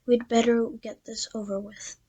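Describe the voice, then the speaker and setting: Dumbledore, a gentle old wizard, read by a woman. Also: fairly high pitch, flat delivery, normal speed, husky, rough recording. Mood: calm. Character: wise old male headmaster wizard, calm.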